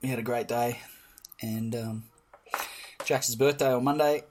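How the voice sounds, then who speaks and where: A middle-aged man with a Western Sydney Australian accent. His voice is husky and rough-edged, and he chats as a podcast co-host in loose, sweary banter. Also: medium pitch, steady tone, unhurried, a little mellow. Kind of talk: casual banter, heavy swearing.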